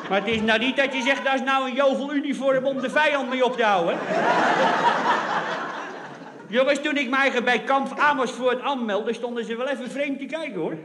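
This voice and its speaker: A man's voice: a little fast, few pauses. A man performing a comic monologue on stage, telling a story and acting out the voices of the people in it. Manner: storytelling to a laughing audience, switching between booming and muttering voices. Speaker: comedian. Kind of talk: comic monologue with acted quotes. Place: stage before an audience. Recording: echoey live stage with audience noise. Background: audience laughter.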